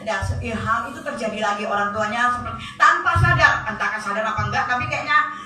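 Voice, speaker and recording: A woman's voice: fairly high pitch, fairly quick, pushed and bright. A woman preacher telling a story in a sermon, often turning to address her congregation directly. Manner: storytelling, often addressing listeners as brothers and sisters. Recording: echoey hall, distant mic, faint music.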